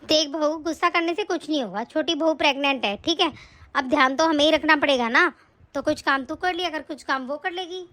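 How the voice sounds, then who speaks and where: A woman's voice: high voice, a little fast, bright, forceful tone. A woman voicing a nagging middle-aged mother-in-law in a cartoon story, scolding and then soothing her daughters-in-law. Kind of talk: cartoon voice acting.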